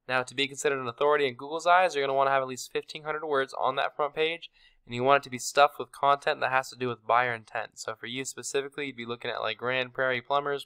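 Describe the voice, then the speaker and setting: A man's voice: mid-range voice, fairly bright tone, clean tone, low-quality recording. A young man from Texas walking a client through website marketing tips in a casual, friendly screen-share, with fillers. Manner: friendly, conversational, many fillers.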